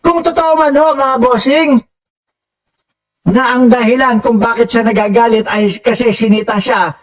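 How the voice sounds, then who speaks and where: A man's voice: very high-pitched, fairly even intonation, normal speed, recorded from a distance, poor audio. A Filipino man doing casual political commentary for his viewers, reading out comments and mocking with frequent laughs. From Philippines. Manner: mocking, laughs often, addresses viewers as bossing.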